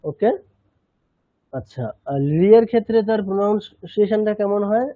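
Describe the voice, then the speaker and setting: A man teaching a chanting class, patiently explaining and slowly repeating sounds, sometimes switching into English. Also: high-pitched, lively intonation, mellow, no room sound. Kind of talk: online language lesson. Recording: tinny phone-like line.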